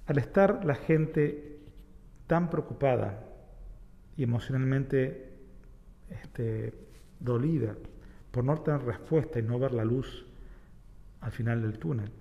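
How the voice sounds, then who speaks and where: A man from Argentina with an Argentine accent, a rabbi guest calmly explaining ideas with everyday examples and parables. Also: mid-range voice, slow, pauses often, in a large hall, lo-fi sound. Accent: Argentine Spanish. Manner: reflective, uses homely examples and parables. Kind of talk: explanatory talk-show conversation.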